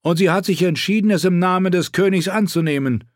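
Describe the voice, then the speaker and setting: A man's voice: sits high, a little fast, dry recording, clean studio sound, voice pushed up, natural voice. A man voicing an earnest young soldier. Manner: respectful, steady report.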